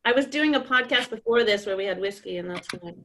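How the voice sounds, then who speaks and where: A woman's voice: medium pitch, fast talker, bright, forceful tone. A woman casually hosting a party game over a video call, with a giggly, teasing manner. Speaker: host and judge of a contest. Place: indoors at home, on a video call. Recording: noisy video call with clicks.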